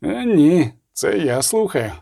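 A man's voice: fairly high pitch, very animated, takes it slowly, vocal fry, mellow, slightly rough, no room sound, clean studio sound, exaggerated voice. A man voicing a sinister cold assassin. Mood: menacing. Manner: menacing, sardonic.

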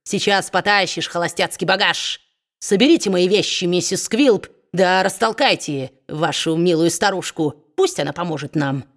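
Woman doing a sneering gruff dwarf man. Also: fairly low pitch, normal speed, close to an everyday voice. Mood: gloating. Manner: sneering, gloating, growling. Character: spiteful mocking male dwarf, gruff and low.

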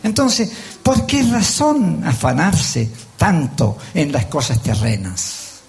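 An older man with a Chilean accent preaches to his congregation in a folksy, storytelling way. His voice sits rather high and has a gravelly edge. He slips into the voices of the people in his stories. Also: very animated, takes it slowly, darkish tone. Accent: Chilean Spanish. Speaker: lay preacher. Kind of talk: sermon with told stories.

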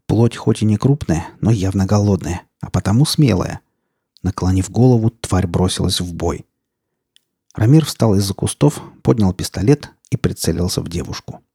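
A man reading an audiobook as narrator, in a tense, gritty storytelling manner with steady, measured delivery. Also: low-pitched, gravelly, breathy edge, no echo, studio quality.

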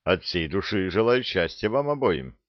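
A man's voice: low voice, very animated, normal speed, dry recording, lo-fi sound. A man voicing a polite, composed young warrior who speaks in a courteous, formal way.

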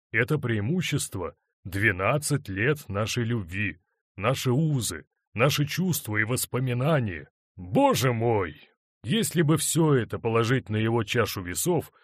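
A man's voice: mid-range voice, dry recording, clean studio sound. A man voicing a hurt middle-aged husband who speaks in a bitter, wry, controlled way.

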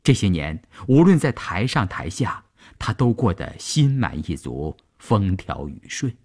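A man narrating a radio serial in a measured, expressive storytelling manner. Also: low-pitched.

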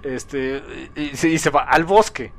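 A man co-hosting a casual comic review chat, animated and acting out characters' lines. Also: a little high. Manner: animated, acts out characters' lines in quick voices. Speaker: podcast co-host.

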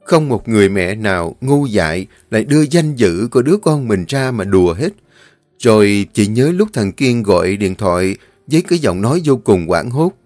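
A man narrating a dramatic audio story in a steady, earnest storytelling voice. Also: fairly low pitch, normal speed, no echo. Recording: dry close voice, faint music.

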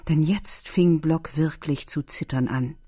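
A man narrating a literary novel in a steady, measured storytelling manner. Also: fairly high pitch, slightly rough, no room sound, clean studio sound.

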